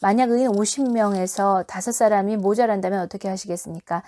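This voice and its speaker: A humble elderly man pleads slowly and deferentially with God, as a woman reads his part aloud. The voice is mellow and soft-edged, at an ordinary pitch. It sounds like a plain scripture reading, not a theatrical performance. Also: steady tone, natural voice. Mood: humble pleading.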